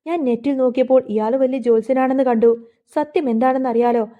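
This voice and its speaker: A woman's voice: sits high, steady tone, quick pace, highs cut off, close to an everyday voice. Woman voicing an anxious, suspicious young man. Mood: agitated.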